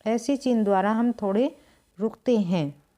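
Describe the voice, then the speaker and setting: A woman teaching a grammar lesson, explaining step by step with long pauses and clearing her throat now and then. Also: fairly high pitch, dark tone. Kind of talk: slow board-writing lesson.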